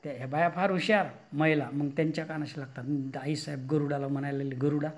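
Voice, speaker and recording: Preacher, male, fairly high voice, storytelling sermon, acts out every character with rhetorical asides. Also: fast talker. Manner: animated storyteller acting out dialogue, frequent "hm?" asides. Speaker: kirtan preacher. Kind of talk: Marathi devotional storytelling sermon.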